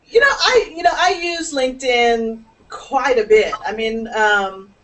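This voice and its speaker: A woman's voice: fairly high pitch, lively intonation, measured pace, fairly bright tone, recorded from a distance, rough recording. A woman hosting a casual video call chat, chatty and laughing often, with many restarts. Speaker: host.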